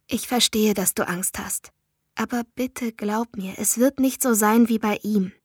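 A woman voicing a fierce, blunt young female friend who swears and talks forcefully. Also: mid-range voice, measured pace, husky, dry recording, studio quality. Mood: insistent.

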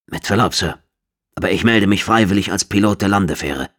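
A man's voice: low voice, a little fast, a bit bright. A man voicing a cheerful, cheeky young soldier pilot who answers politely.

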